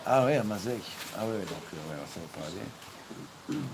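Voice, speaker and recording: A man's voice: on the low side, animated, measured pace. A man hosting a cooking live stream, chatting casually and joking with viewers, full of fillers and restarts, over a phone mic. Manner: jokey, rambling, with many fillers and restarts. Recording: noisy background ambience.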